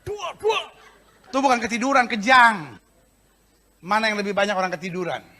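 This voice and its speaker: A male pastor delivering a sermon, mixing joking asides with fervent shouted points. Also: sits high, animated, moderate pace.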